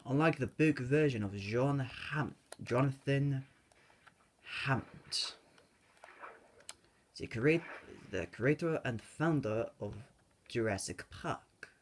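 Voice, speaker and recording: A man's voice: mid-range voice, animated, takes it slowly, pauses often, a little hiss or hum. A man giving casual, rambling commentary over his own gameplay, joking and correcting himself as he goes. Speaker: gaming video creator. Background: keyboard and mouse clicks.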